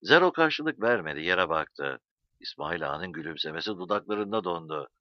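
A man narrates an audiobook in a low voice, reading dramatically. His pitch swings widely and stays animated. The recording is dry and slightly muffled. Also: moderate pace, dry recording. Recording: dull lo-fi sound.

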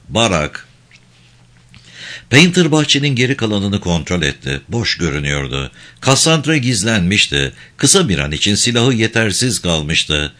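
A man reads an audiobook aloud, his voice sitting fairly low. His delivery is steady and measured, yet his pitch moves in lively swings through the action. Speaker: audiobook narrator. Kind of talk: scripted audiobook narration.

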